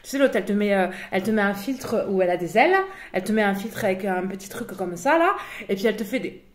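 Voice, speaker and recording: A woman's voice: medium pitch, animated, fast talker, close to an everyday voice. A woman playing a ditzy online energy healer in a comedy sketch, cooing, over-familiar and fake-soothing. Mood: gossipy.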